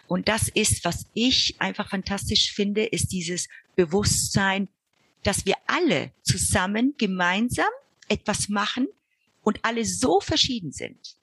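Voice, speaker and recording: A woman's voice: medium pitch, expressive, a little slow, fairly bright tone, slightly rough, no echo. A middle-aged woman from Argentina, an early childhood educator, answering interview questions earnestly and explaining with examples.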